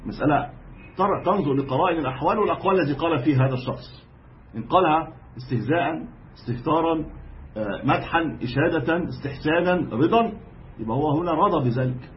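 A man's voice: on the high side, fast, a little hiss or hum. A man with an Egyptian accent teaching a religious lesson as a sheikh, explaining emphatically and often restarting his phrases. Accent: Egyptian Arabic. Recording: dull lo-fi lecture recording.

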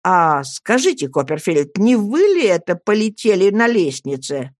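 A reader voicing an excitable, warm-hearted young male lawyer who exclaims and showers his friend with endearments. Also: medium pitch, unhurried, no room sound, clean studio sound. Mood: delighted. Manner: effusive, exclaiming, repeating endearments. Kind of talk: audiobook character reading.

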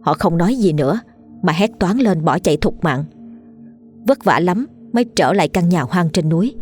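A woman reading a ghost story aloud in a steady storytelling voice. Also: lowish voice. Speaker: narrator. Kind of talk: scripted ghost story narration. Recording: faint background music.

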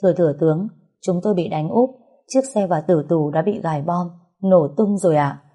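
A woman's voice: lowish voice, a little fast, warm tone, breathy edge. A woman voicing a frightened male subordinate who stammers out a report. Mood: fearful. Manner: stammering, fearful.

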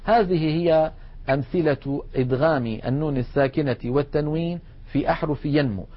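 A man teaching a tajweed lesson, addressing his students as he explains each rule and slowly recites the examples. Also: a little high. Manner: slow drawn-out recitation of examples between explanations; addresses students directly, instructive. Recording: dull lo-fi recording.

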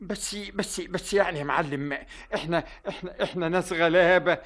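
A stammering, panicky Egyptian coward. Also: male voice, high-pitched, brisk, a bit bright. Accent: Egyptian Arabic. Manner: stammering, nervous excuses. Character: panicky young male small-time performer, cowardly and evasive. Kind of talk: 1950s radio drama acting.

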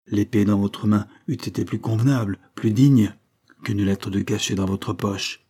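A man's voice: lowish voice, fairly even intonation, unhurried, warm tone, breathy edge. A man reading as an earnest, honorable viscount. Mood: earnest, firm.

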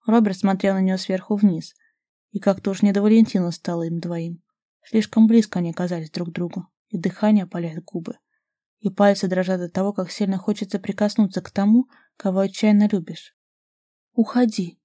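A woman narrating a romance novel in an even, expressive reading. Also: mid-range voice, fairly quick, no echo, studio quality. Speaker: audiobook narrator.

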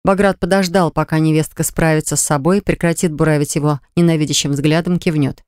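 A woman narrating a novel aloud in an even, measured audiobook reading. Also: low-pitched, clear, resonant tone, dry recording, studio quality. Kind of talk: scripted narration.

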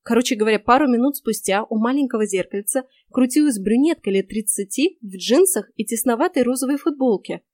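A woman telling a lively first-person story as audiobook narration. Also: on the high side, fairly quick, few pauses, no room sound.

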